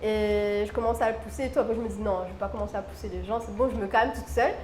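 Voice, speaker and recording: A woman from Réunion, a guest, telling a personal story in an expressive, dramatic way. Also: mid-range voice, racing, slight background noise. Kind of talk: animated storytelling. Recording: roomy room with faint music.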